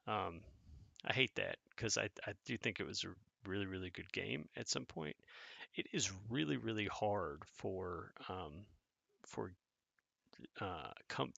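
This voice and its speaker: Gravelly low-voiced man commenting on gameplay. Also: bright, forceful tone, no echo. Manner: casual, thinks aloud, chats with viewers. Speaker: gaming content creator.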